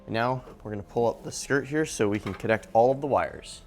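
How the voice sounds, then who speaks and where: A man's voice: medium pitch, a little fast, faint music behind. A man giving a casual hands-on unboxing and review narration as a video host.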